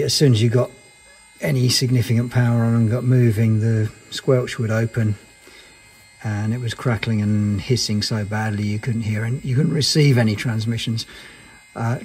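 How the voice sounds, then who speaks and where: A man with a mid-range, somewhat dark voice and a breathy edge gives an informal technical explanation, recorded on poor audio. He presents as an aircraft maintenance engineer, matter-of-fact, understated and a little hesitant.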